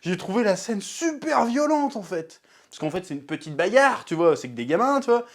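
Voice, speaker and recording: In a relaxed episode review, a young TV series reviewer talks in a high-pitched, slangy, easygoing way. His delivery is lively, and he repeatedly slips into brief character voices to act out the scenes.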